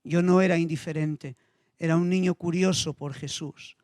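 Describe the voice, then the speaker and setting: A man's voice: a little high, steady tone, moderate pace, a little mellow, dry recording, studio quality. A middle-aged man preaching a sermon, telling a personal story with feeling and repeating his phrases. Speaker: pastor.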